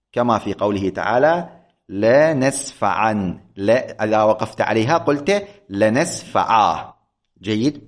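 A man teaching a grammar lesson, reading from a text and explaining it, slowing down to spell out examples and asking the class questions he then answers himself. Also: mid-range voice.

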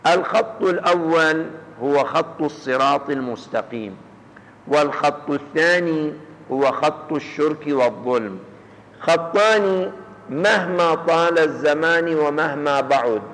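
A man delivering a Quranic exegesis lecture, measured and explanatory, restating his points. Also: on the high side, fairly bright tone. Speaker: religious lecturer. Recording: echoey hall with faint ambience.

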